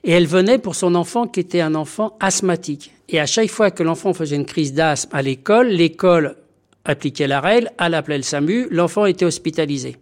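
A doctor, a man, speaks in a somewhat high register for his sex, earnest and emphatic. He pauses and hesitates often as he lays out his thoughts in an interview. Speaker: doctor and community health activist. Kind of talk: documentary interview testimony.

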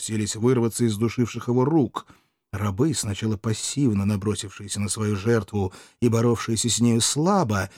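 A man narrating a historical novel as an audiobook in a steady, even manner. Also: mid-range voice, no room sound, studio quality.

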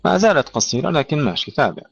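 A man teaching Quran recitation in an online lesson, patiently correcting a student and stretching out model verses slowly. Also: a little high, sing-song, vocal fry, husky. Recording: dull, dry online call audio.

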